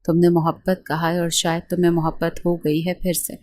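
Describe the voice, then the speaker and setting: Storybook husband, earnest and heartfelt, quiet confession, read by a woman. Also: fairly low pitch, level tone, dry recording, clean studio sound, natural voice. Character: young husband confessing his love, earnest.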